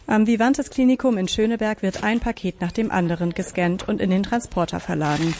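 A woman reads a scripted radio news report at a calm, measured pace. Her voice sits at a middle pitch. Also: noisy background.

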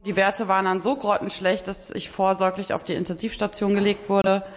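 A woman's voice: medium pitch, level tone, brisk. A young woman speaking in plain, colloquial terms about something she went through. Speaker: interviewee. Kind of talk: recounting personal experience.

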